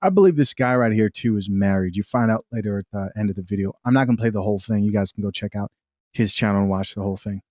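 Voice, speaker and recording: A man hosting a reaction video, commenting on clips in a relaxed, casual way as he talks straight to his viewers. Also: on the low side, fast, dry recording.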